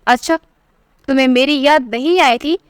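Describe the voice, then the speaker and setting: A woman's voice: high voice, normal speed, no room sound, studio quality, lightly acted. A woman voicing a proud, angry young married daughter who speaks sharply and defiantly. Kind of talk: storybook narration.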